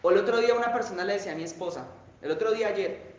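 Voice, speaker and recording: A male pastor preaching a sermon, telling a story with dramatic rises and drops in pitch and loudness, recorded in a church hall. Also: rapid-fire, muffled recording. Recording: very echoey church hall with faint noise.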